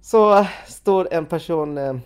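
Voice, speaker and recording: Young woman, casual chat, animated retelling, quoted voices, fillers. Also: fairly low pitch, clean tone.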